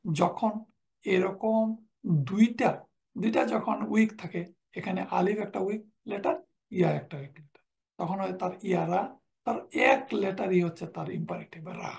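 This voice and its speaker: A man's voice: high voice, fairly even intonation, moderate pace, vocal fry, darkish tone. A man teaching Quranic Arabic in a recorded lecture, reciting verb forms one after another and quoting Quran verses in between.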